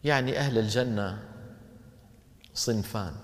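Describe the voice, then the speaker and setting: A man teaching Quran recitation, explaining points with questions to his class and chanting verses slowly. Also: lowish voice, long reverb tail. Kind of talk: recitation lesson with chanted examples.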